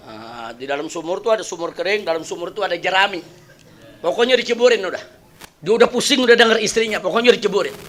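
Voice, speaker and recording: Lively storytelling preacher; high, bright voice. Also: male voice. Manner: lively storytelling with jokes and audience questions. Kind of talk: sermon.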